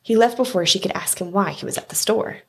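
A woman reads a children's picture book aloud at story time, steady and measured. Her voice is husky and a little breathy, at a middle pitch.

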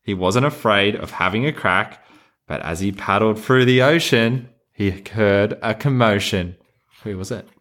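With a fairly low, fairly bright voice and a slightly unhurried delivery, an adult Australian man hosts a podcast. He talks casually while reading a children's storybook, sounding playful and encouraging.

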